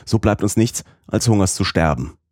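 A man voicing an excitable elderly female housekeeper in an audiobook, asking anxious, exclaiming questions. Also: on the low side, moderate pace, no echo, studio quality, pitched above the performer's own voice, natural voice. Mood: alarmed. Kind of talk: audiobook character voice.

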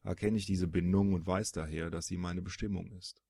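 A man reading a storybook audiobook, voicing a solemn male dragon-born being in a low, gravelly, husky voice with measured, earnest explaining. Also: fairly even intonation, dark tone, dry recording, studio quality, exaggerated voice.

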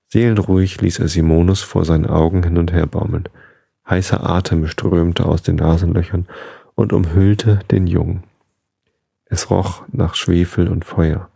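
A man reading a fantasy story aloud in a calm, measured storytelling manner. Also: low voice, vocal fry, breathy edge, no room sound, clean studio sound. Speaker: narrator.

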